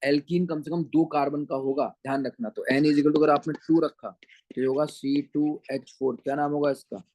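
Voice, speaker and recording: A man's voice: fairly high pitch, steady tone, moderate pace, darkish tone, dry recording, low-quality recording. A man teaching chemistry in an online lecture, with a Punjabi-flavoured Hindi accent. He calls his students beta and keeps asking whether they follow. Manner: addresses students as beta, keeps checking understanding.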